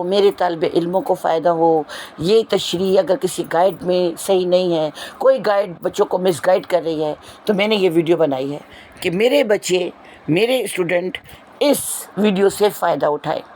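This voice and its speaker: This Urdu teacher's fairly low, slightly mellow voice carries an earnest explanation of a poem to her class, punctuated by repeated rhetorical questions. Slight background noise can be heard.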